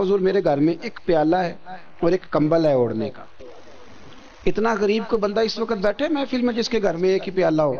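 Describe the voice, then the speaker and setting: A man's voice: darkish tone, muffled recording. A male preacher with a Pakistani Urdu accent telling stories in a Friday sermon, calling on the congregation to pay attention and acting out voices. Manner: asks the crowd for attention and responses; acts out story voices in shifting pitch.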